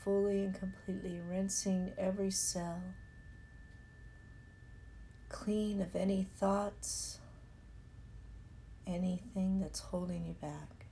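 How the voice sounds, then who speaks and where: A woman leading a guided meditation in a soothing, unhurried way, leaving long pauses between phrases. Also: mid-range voice, fairly even intonation, vocal fry. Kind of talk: slow guided meditation narration. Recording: echoey, loud ringing hum behind voice. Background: singing bowls and chimes.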